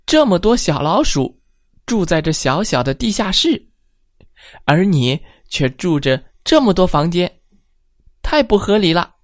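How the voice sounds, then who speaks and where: A woman voicing a pushy mother mouse in a children's bedtime story, loudly making demands. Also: fairly low pitch, very animated, measured pace, no room sound, studio quality, voice pushed up. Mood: demanding. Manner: shouting demands.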